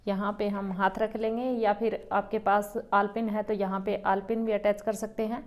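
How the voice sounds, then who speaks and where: A woman who runs a boutique, calmly explaining step by step how to cut a garment as she works. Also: medium pitch, normal speed. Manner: calm, explains each step while working. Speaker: boutique owner teaching tailoring. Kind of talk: step-by-step sewing tutorial.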